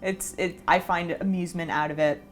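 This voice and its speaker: A woman's voice: on the low side, fairly even intonation, brisk, a little hiss or hum. A woman with a New York accent co-hosting a casual podcast, tossing in playful jokes. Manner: playful, joking interjections. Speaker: podcast co-host. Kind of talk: casual chat.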